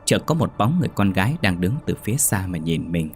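A man narrating a horror story in a steady, measured storytelling voice. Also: deep voice, soft background music.

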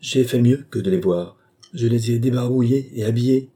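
A man's voice: medium pitch, normal speed, dark tone, breathy edge, close to an everyday voice. A man voicing a scheming, self-assured woman of the manor in an audiobook, cool and mildly ironic. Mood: composed. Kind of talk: audiobook character voice.

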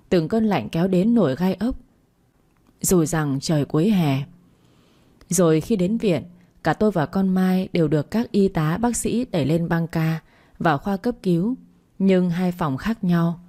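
A woman narrating a dramatic first-person audio story in a steady storytelling manner. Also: on the low side.

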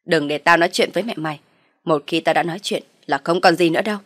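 A woman voicing a harsh, scolding older mother-in-law in a storybook reading, loud and berating. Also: lowish voice, fairly quick, no echo, studio quality, lightly acted. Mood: threatening.

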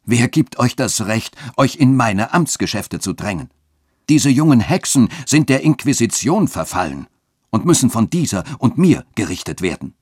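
A man's voice: lowish voice, lively intonation, normal speed, dry recording, clean studio sound. A man reading a literary radio story and voicing a wrathful, fanatical bishop who thunders his commands. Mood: furious.

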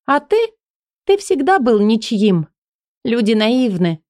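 A woman's voice: big pitch swings, slow, darkish tone, dry recording, clean studio sound. Woman reading as a tearful pleading young woman. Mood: tender pleading. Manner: high, breathless, pleading.

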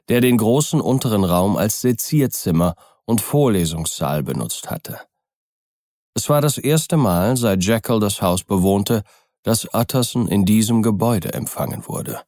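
A man narrating a classic novel as an audiobook, calm and even. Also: on the low side, a little slow, no room sound, clean studio sound. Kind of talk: scripted literary narration.

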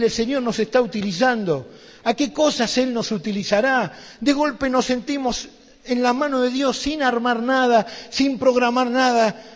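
A middle-aged man with an Argentine Rioplatense accent preaching a sermon, telling a story and acting out the dialogue with growing fervor. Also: very high voice. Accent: Argentine Rioplatense Spanish. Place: church hall. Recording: dull sound with long hall reverb.

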